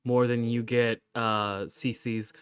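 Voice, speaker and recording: A man running a tabletop game as game master, playful and teasing, quick to joke with his players. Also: medium pitch, flat delivery, smooth.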